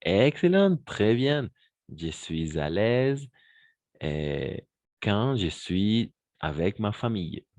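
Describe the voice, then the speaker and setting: A man with a very low voice, teaching French to Spanish-speaking learners. He speaks slowly and deliberately, repeats key phrases and switches into Spanish to explain them. His voice sounds dry and close to the mic. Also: sing-song, a little mellow, no room sound.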